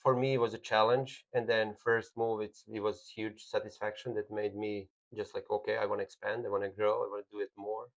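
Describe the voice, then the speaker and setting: Serbian-accented man, low and muffled. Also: level tone, fairly quick, hardly any pauses. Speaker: podcast guest, business owner. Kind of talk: casual chat.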